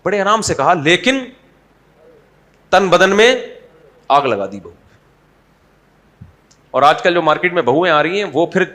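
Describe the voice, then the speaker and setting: A man's voice: fairly high pitch, expressive, long pauses, sharp tone. Humorous man giving an Urdu sermon. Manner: humorous, conversational, asks the audience rhetorical questions. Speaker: Islamic preacher.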